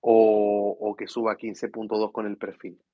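A tired man, hosting a casual tech livestream from home and speaking softly so his sleeping kids don't wake. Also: on the low side, monotone, moderate pace, dry recording, muffled recording. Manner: speaks softly to avoid waking his children. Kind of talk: casual live chat reading viewer questions. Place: room at home at night.

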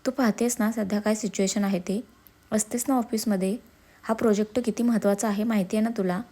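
A woman's voice: a little high, brisk, mellow, lightly acted. A woman voicing an irritable, overworked young husband in a storybook reading. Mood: irritated. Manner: curt, exasperated, then coaxing.

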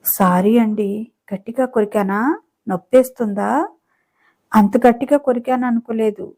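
A timid, tender young wife apologizes softly in this storybook romance, as a woman narrator reads her lines. The tone is mellow and warm. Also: fairly high pitch, steady tone, moderate pace, close to an everyday voice. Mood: apologetic.

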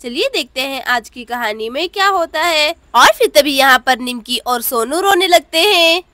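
A woman narrating a children's doll story, speaking lively and talking straight to the viewers. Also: sits high, normal speed, a little hiss or hum. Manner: lively, addresses viewers directly.

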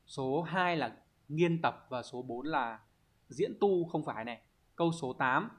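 A male language teacher reviews test questions one by one, explaining each answer step by step. His voice sits at an ordinary middle pitch. He keeps a patient, explanatory tone and often pauses to ask whether his students are following. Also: fairly bright tone.

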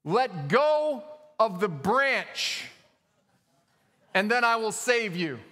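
A pastor voicing a booming divine voice from above, speaking in slow, raised, deliberate pronouncements, with long reverb from a church hall. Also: male voice, big pitch swings, pushed and bright, full character voice. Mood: solemn booming.

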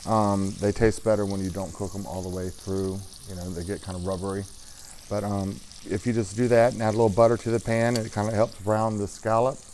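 A middle-aged man, an executive chef, talking through a dish while cooking at a studio stove, casual and halting with lots of ums. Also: on the low side, level tone, a little mellow, a little hiss or hum. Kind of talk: cooking demo interview.

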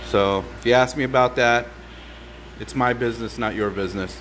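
In his home garage, a middle-aged hobby welder talks through a welding test for a casual demonstration vlog, rambling and pausing with lots of fillers as he searches for words. His medium-pitched voice is fairly bright, picked up by a phone on the workbench, sometimes several steps away, with a little hiss and a faint air-conditioner hum.

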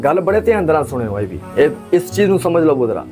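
A religious speaker delivers an impassioned talk in a fairly high male voice, pressing his audience with rhetorical questions and repeated phrases. He comes from Pakistan. Soft music plays faintly underneath. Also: sing-song, quick pace. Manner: rhetorical questions and emphatic repetition.

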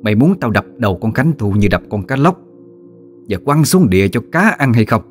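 A man's voice: medium pitch, very animated, brisk, faint music behind, natural voice. A man voicing a stern, vengeful older mistress of a magistrate's house, harsh and threatening. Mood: furious.

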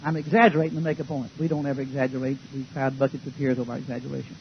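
A man preaching a fiery revival sermon to a congregation, folksy and joking, swinging from shouts to quiet asides. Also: medium pitch, little pitch movement, very fast, vocal fry, a little hiss or hum. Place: church before a congregation. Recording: dull lo-fi archive recording.

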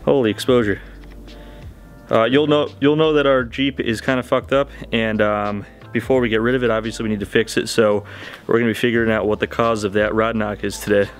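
A man's voice: lowish voice, fairly even intonation, brisk, soft background music. A young man hosting a car-repair vlog outdoors, talking to the camera in a casual, profane way as he works. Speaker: channel host. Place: outdoors on a street beside a car.

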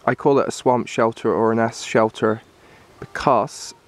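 A man giving a relaxed, explanatory walkthrough of his camp on a wooded hillside, recorded on a handheld camera. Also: medium pitch, unhurried. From Ireland. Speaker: bushcraft instructor. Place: hillside woodland outdoors.

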